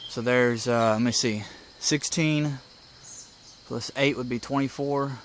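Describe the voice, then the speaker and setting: A hobbyist presenter takes it slowly, his medium-pitched voice fairly even, as he gives a plainspoken, folksy, step-by-step walkthrough. The outdoor recording by a house porch clearly picks up insects, birds and ambient noise.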